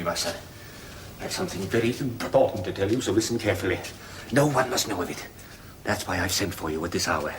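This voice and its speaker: An actor plays an aging Roman emperor and anxious father with a deep, low voice and a halting, hesitant delivery. A faint hiss runs under it, like an old television drama soundtrack. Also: lightly acted. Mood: confiding. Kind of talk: 1970s television drama acting.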